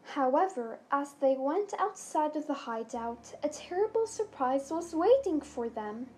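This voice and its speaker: A woman reading a children's story aloud as storyteller, clear and expressive. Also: high-pitched, unhurried, background noise. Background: soft music.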